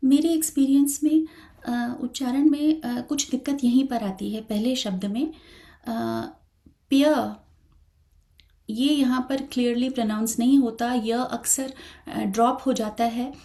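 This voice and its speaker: A woman teaching Sanskrit verse recitation in an online chanting lesson, explaining slowly and carefully with frequent hesitations. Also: a little high, steady tone, warm tone. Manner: switches between talk and slow sung chanting.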